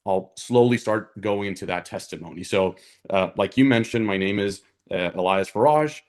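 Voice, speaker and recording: A Honduran alumnus on a panel gives a conversational career talk, earnest in tone and frequently checking in with the listener. His voice is lowish and a little mellow, at a moderate pace.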